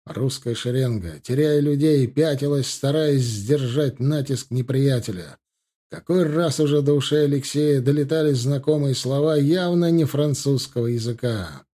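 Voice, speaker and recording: A man narrating a historical war novel as an audiobook, in a steady storytelling voice. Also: mid-range voice, normal speed.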